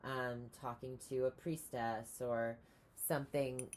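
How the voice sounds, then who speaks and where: A woman giving a casual tarot reading, rambling with many pauses and restarts. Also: extremely low pitch, fairly even intonation, a little mellow. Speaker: tarot reader.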